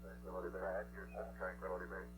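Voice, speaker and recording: A man working as capsule communicator on a crackly, breaking-up space radio link, reading instructions in a halting way with many "uh" pauses. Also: low voice, monotone, over music. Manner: halting delivery full of "uh" pauses. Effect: crackly, breaking-up space radio transmission. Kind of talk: procedural radio voice traffic. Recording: muffled noisy 1969 mission radio loop.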